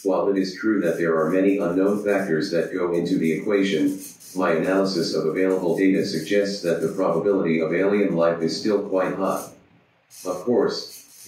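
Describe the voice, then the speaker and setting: A man's voice: sits low, darkish tone, close to an everyday voice. A man voicing a boastful, pompous robot chatbot that adds beep-boop noises, in a very echoey room, far from the mic.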